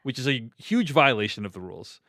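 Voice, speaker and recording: Male podcast host, animated pitch, dry close sound, talks through film scenes casually. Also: fairly quick, dry recording. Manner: chatty, recapping scenes with lots of "like".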